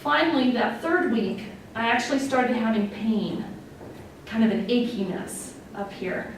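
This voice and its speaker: With a voice on the high side and lively intonation, she speaks at a measured pace. She's a nurse executive in her forties from Wyoming giving a frank, conversational personal testimony, full of fillers and open emotion. There's echo, faint noise, and a distant mic.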